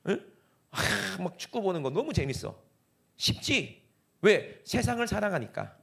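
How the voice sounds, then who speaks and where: A man with a Gyeongsang accent delivers a Sunday sermon from the pulpit. His pitch sits a little high and swings widely, with a gravelly edge underneath. He keeps turning to the congregation with questions as he preaches. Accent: Gyeongsang (Busan). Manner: animated, talks directly to the congregation with frequent questions. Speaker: pastor. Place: church sanctuary.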